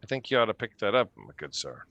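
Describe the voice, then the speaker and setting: A man's voice: lowish voice, big pitch swings, fast talker, gravelly, a bit bright, no room sound, lo-fi sound, full character voice. A man voicing a polite, wary human innkeeper in a tabletop game, with courteous, slightly nervous speech. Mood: firm.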